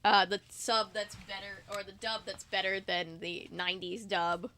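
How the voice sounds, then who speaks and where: A woman's voice: mid-range voice, little pitch movement, a little slow, sharp tone. A young woman reading a book aloud at home into a microphone, swearing and exclaiming in disbelief between passages. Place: indoors, at home.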